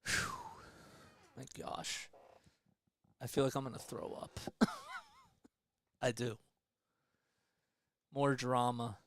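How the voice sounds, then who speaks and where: Calling a basketball game live as a fan, a young man with a mid-range voice speaks slowly and pauses often, shouting during big moments and muttering quietly between them. There's a little hiss or hum on the recording.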